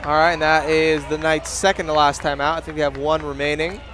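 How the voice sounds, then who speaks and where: A man casually commenting on a live high school football game, halting and using lots of fillers. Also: little pitch movement, a bit bright. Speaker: color commentator.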